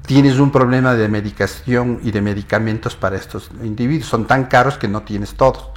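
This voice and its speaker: A man's voice: medium pitch, brisk. Guy explaining genetics on a tv interview, earnest, walks through it step by step, mid-range voice. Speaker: geneticist guest.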